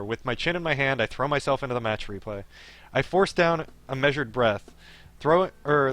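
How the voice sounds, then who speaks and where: While game music plays in the background, a streamer reads the game's narration out loud and wanders off into chatty, rambling commentary between lines. He speaks in a fairly high, bright, pushed voice.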